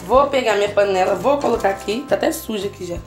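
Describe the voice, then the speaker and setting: In her kitchen, a woman who runs a cooking channel talks viewers through a casual home cooking tutorial, chatty and constantly checking in with them. She has a Brazilian Portuguese accent and a medium-pitched voice, and she speaks quickly. Music is faintly audible behind her.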